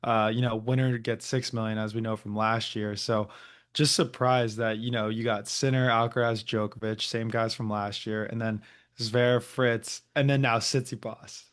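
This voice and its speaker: A man's voice: on the low side, little pitch movement, moderate pace. A man co-hosting a tennis podcast in a loose, casual chat, laughing often. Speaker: podcast co-host.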